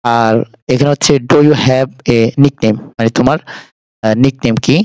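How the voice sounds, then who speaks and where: A man with a Bangladeshi accent talks his students through a textbook English lesson, pausing often to hesitate. His voice sits at a middle pitch for a man and sounds dry and close. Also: steady tone, a little mellow, clear, resonant tone, dry recording, rough recording. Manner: explains English phrases in Bengali, with frequent hesitations. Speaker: teacher.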